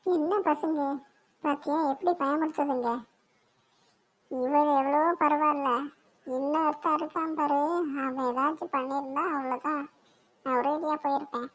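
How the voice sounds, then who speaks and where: A woman's voice: high voice, steady tone, normal speed, pauses often, close to an everyday voice. A woman voicing a fussy, scolding elderly grandmother in a cartoon. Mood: grumbling. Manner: scolding, grumbling. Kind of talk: cartoon voice acting.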